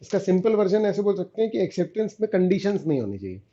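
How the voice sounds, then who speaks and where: A man's voice: high voice, very animated, fast, warm tone, highs cut off. A man teaching a revision lecture, often stopping to ask the students whether they follow and calling them beta and guys.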